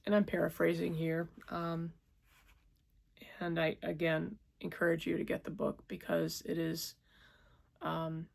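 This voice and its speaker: Tarot reader recapping a memoir, unhurried and hesitant, gravelly tone. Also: female voice, on the low side, flat delivery, a little mellow. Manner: hesitant, with fillers and restarts. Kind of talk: casual storytelling from a book.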